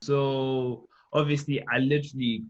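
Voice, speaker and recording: A young man from Zimbabwe, chatting casually on a panel, full of fillers and trailing off quietly. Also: mid-range voice, level tone, unhurried, lo-fi sound. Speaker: panel guest, medical student. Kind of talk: casual chat.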